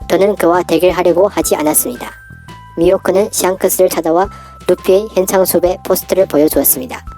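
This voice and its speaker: A narrator whose voice is disguised by a downward pitch shift, reading a scripted story-style character breakdown with steady delivery and falling sentence ends.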